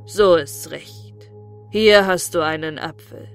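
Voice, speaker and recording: A woman voicing a pious, gentle old shoemaker in a storybook reading, her voice pitched lower and pleading. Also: slow, faint music behind.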